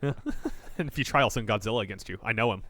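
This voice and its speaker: Speaking quickly in a lowish voice with no echo, a Japanese man jokes around while co-hosting a sports podcast. The chat is casual and animated, and he keeps restarting sentences, trailing off as he goes.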